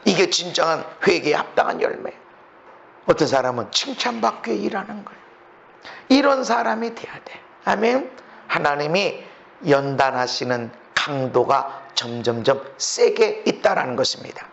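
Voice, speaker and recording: A man preaching a sermon as pastor, swinging from low murmurs to shouted lines. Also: very animated, moderate pace, creaky, dull audio.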